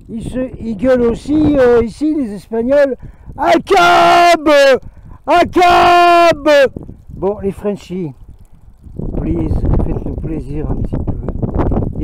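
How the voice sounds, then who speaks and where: A man's voice: high-pitched, dark tone, a little hiss or hum. Ranting man in a mountain vlog. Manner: sarcastic, ranting, breaks into mock English. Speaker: vlogger. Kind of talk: rambling outdoor political vlog. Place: outdoors at a mountain pass.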